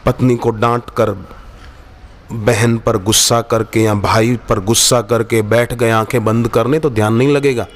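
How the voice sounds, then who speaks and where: A man's voice: medium pitch, fairly even intonation, measured pace. Man giving a devotional sermon. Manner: storytelling, quotes Sanskrit verses, acts out dialogue. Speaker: spiritual teacher. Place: ashram satsang gathering.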